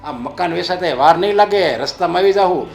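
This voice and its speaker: A man's voice: high-pitched, lively intonation, fairly quick, creaky, roomy sound, soft background music. An actor playing a blunt, superstitious father-in-law who scolds his family, in a short drama. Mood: stern. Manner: scolding, lecturing.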